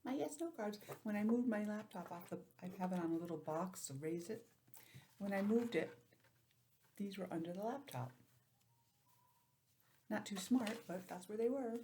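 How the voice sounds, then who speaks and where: Her voice is medium in pitch and mellow, at normal speed with frequent pauses, plus a little hiss or hum. A preschool or early-grades teacher, she's at home on a laptop giving young kids an interactive calendar lesson over video call, asking questions and adding chatty comments.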